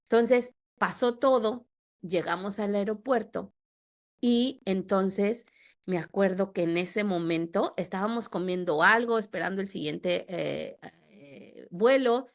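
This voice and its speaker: A woman in her thirties or forties with a Mexican accent, a podcast guest telling a personal story in a lively way that acts out the dialogue. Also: mid-range voice, slow pace. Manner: animated, acts out dialogue with repetitions.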